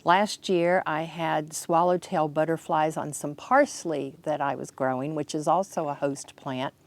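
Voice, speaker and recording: A gardener from Kentucky offers a casual, instructive walk-through of her home garden outdoors, pointing out plants plainly. Low-pitched with fairly even intonation, she speaks at a measured pace. Faint outdoor ambience runs behind her voice.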